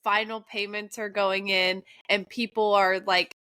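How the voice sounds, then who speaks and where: A young woman co-hosting a casual podcast chat, her voice nasal and congested from allergies, chatty and quick to laugh. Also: mid-range voice, smooth, no room sound. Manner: lively, chatty, laughs often. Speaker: podcast co-host.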